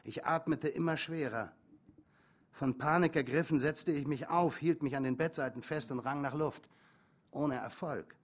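A man reading a first-person memoir aloud in a calm, measured way. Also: a little high. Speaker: audiobook reader.

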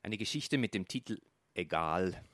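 A man reading a surreal story aloud, swinging from a hushed murmur to a raised, urgent voice and often stumbling over his words. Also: low-pitched, expressive, moderate pace, no room sound. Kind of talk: literary reading.

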